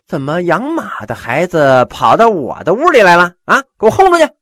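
A man voicing an arrogant aristocratic clan head who talks with haughty scorn and breaks into shouts. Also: sits high, huge pitch swings, brisk, no room sound, studio quality, voice pushed up, heavily acted.

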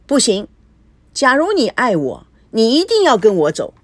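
A woman's voice: a little high, wildly swooping pitch, moderate pace, no echo, pitched above the performer's own voice. A woman voicing a furious, jealous young wife who shrieks and sneers at her rivals. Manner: shrieking, scornful.

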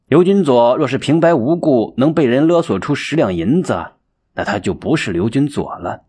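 A man narrating a folk tale as an expressive, dramatic storyteller. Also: mid-range voice, moderate pace, breathy edge. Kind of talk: audiobook storytelling.

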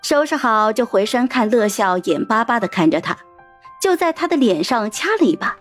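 A woman reading a novel as an audiobook narrator. Her voice sits somewhat high and moves in lively, melodic swings. She tells the story with expressive flair. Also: normal speed, soft background music.

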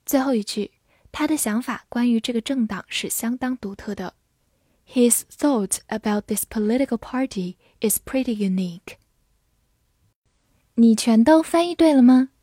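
A woman teaching English vocabulary, saying each word twice and then calmly reading out its meanings and example sentences. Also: a little high, normal speed, husky, dry recording, clean studio sound. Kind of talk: slow vocabulary drill and translation lesson.

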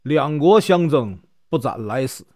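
A man voicing a calm, wise old male strategist who reasons in a measured way in a told story. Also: a little high. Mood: stern.

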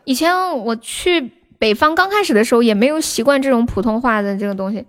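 High-voiced playful young woman streamer. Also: animated, brisk, slight background noise. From Sichuan, China. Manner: playful, giggly, yelps and shrieks mid-game. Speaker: livestreamer. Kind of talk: casual livestream chat while gaming.

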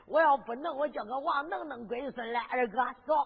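A sly, boastful young hero bluffs his way along in a thick Henan accent, as a woman storyteller puts him on, her voice dropped lower than her own bright, high register. He swings from wheedling mutters to loud, ringing shouts. The sound is tinny and narrow, with a long echo trailing through a hall. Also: normal speed, creaky, husky, exaggerated voice. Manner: wheedling, swaggering, sudden shouts.

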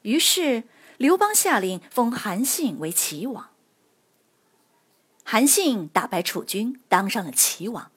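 Lively husky woman storyteller for kids. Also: on the high side, slow pace. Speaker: children's history storyteller. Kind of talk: scripted narration for children.

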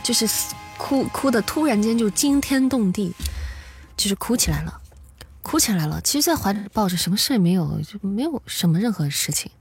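A woman's voice: mid-range voice, lively intonation, fairly quick, a little mellow, husky, faint music behind. Chatty woman livestreamer telling a story. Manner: chatty, often checks in with listeners and restarts her sentences. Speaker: livestream host. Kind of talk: casual storytelling to a live audience.

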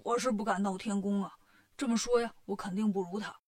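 A woman's voice: medium pitch, steady tone, brisk, a little mellow, no room sound, clean studio sound, pitched below the performer's own voice, lightly acted. A woman doing a gloating old demon king. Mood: grudging. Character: scheming old male demon king, greedy.

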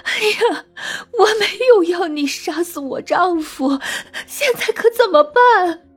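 Crying young wife, high wailing falsetto, storybook tale, faint music behind. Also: male voice, animated, slow pace, fairly bright tone, exaggerated voice. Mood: tearful pleading. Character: distraught young wife, sobbing and pleading. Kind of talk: storybook narration.

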